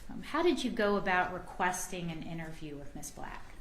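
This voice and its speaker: A woman's voice: on the low side, expressive, moderate pace. A woman prosecutor drawing out witness testimony in court with formal, methodical questions. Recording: echoey courtroom with faint noise.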